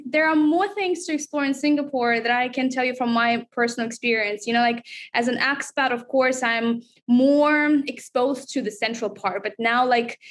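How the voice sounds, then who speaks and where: A woman from Russia, a guest chatting upbeat in an interview, with many fillers. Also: a little high. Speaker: reality show contestant, guest. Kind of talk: casual interview chat.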